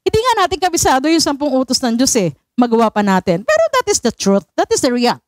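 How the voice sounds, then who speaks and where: A woman's voice: sits high, sing-song, quick pace, no room sound, clean studio sound. A woman pastor with a Filipino accent preaching a sermon, switching between Tagalog and English and calling on the congregation for affirmation. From Philippines.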